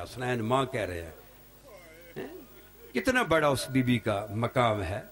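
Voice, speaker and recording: A man's voice: medium pitch, fairly bright tone. Man preaching a lamenting mourning sermon. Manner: dramatic, lamenting storyteller with wailing cries. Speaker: Shia religious scholar.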